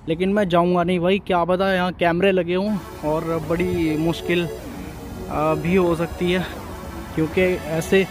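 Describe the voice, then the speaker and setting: A man's voice: high voice, darkish tone. A man walking outdoors and vlogging casually, chatting to viewers and calling them brother. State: tired from walking. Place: outdoors on city streets. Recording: music playing over voice.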